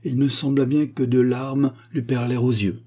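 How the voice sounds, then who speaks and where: A man narrates a literary story for an audiobook, his husky, mid-range voice carrying a measured, expressive storytelling style.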